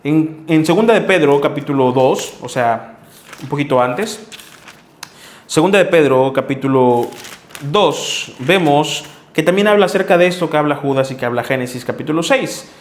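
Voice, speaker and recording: A man delivers a sermon, reading scripture and pressing his points directly on the listener. His voice sits fairly high for a man, and the room around him is reverberant. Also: expressive, normal speed. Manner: earnest, scolding, addresses listener directly. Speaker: preacher. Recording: echoey room.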